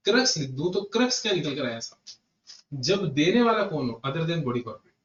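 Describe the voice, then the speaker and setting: An Indian man giving a classroom lecture to students, repeating each point and talking to them directly in an animated way. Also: a little high, moderate pace. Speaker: GST lecturer. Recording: echoey room, distant muffled mic.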